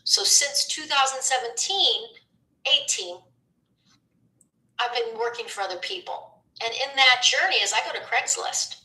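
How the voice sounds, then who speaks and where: A middle-aged woman, a former radio DJ, talking as a guest in a rambling, animated way, acting out what people said to her. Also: high voice, unhurried, poor audio. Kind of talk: reflective conversational chat.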